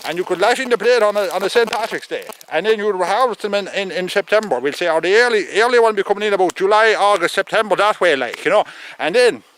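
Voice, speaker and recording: A man's voice: high-pitched, fairly bright tone, a little hiss or hum, poor audio. A man with a thick rural Irish accent giving a rambling comic monologue as an opinionated farmer, stammering, repeating himself and swearing.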